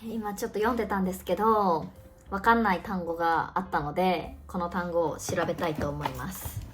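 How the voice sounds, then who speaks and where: A woman's voice: fairly low pitch, fairly even intonation, a little fast. Woman, 20s, teacher vlogging her day; chatty, thinks aloud; faint music bed. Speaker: online Japanese teacher. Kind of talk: casual vlog narration.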